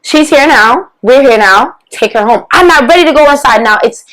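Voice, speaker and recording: A woman's voice: high-pitched, animated, moderate pace, fairly bright tone, rough recording. Woman telling a profane, heated story. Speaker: guest podcast co-host. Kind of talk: animated storytelling, casual podcast chat.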